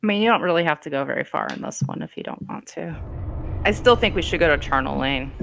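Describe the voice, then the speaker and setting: A woman's voice: sits low, lively intonation, fast, gravelly, fairly bright tone, slight background noise. A woman co-hosting a game stream in a casual, giggly way. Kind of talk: casual chat over gameplay.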